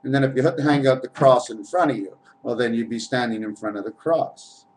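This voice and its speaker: A man's voice: medium pitch, a little fast, a little mellow, slight background noise, low-quality recording. A man giving a rambling spiritual monologue to the camera, spinning wordplay out of letters and numbers and talking to viewers as his friends. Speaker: vlogger. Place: at home, on camera.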